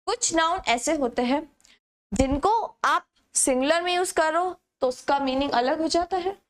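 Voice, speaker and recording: A woman's voice: high-pitched, measured pace. A young woman teaching a grammar lesson to exam students, explaining patiently and answering her own questions to the class.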